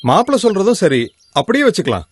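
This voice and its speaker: A man's voice: sits high, very animated, quick pace. An actor playing an older village father who arranges his daughter's marriage in a genial, persuasive way. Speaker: bride's father. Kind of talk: film acting.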